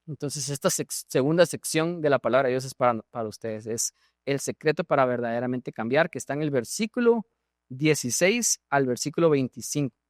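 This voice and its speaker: A man's voice: medium pitch, expressive, fairly quick, dry recording, clean studio sound. A male pastor with a Guatemalan Spanish accent preaching a sermon, asking the congregation questions and often repeating words. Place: church.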